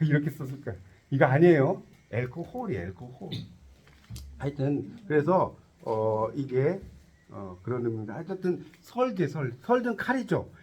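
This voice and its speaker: A man with a husky, slightly higher voice lectures a classroom full of students. His pitch swings animatedly as he quizzes them, jokes and laughs his way through the lesson. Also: sing-song, normal speed, a little mellow. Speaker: tarot instructor.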